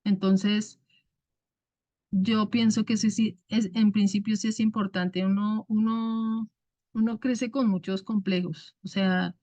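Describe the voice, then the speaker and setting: A woman giving a casual devotional talk to a women's church group, with many restarts and fillers and a naturally loud way of speaking. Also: medium pitch, fairly even intonation, slow, dry recording. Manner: loud speaker by her own account. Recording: dull, dry sound.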